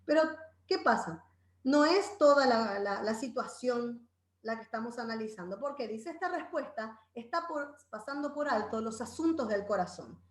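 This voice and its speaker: High-voiced woman teaching a parenting class. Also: lively intonation, moderate pace, echoey room. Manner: conversational, tags phrases with "¿verdad?"; acts out children's voices in quotes. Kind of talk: informal Bible parenting talk.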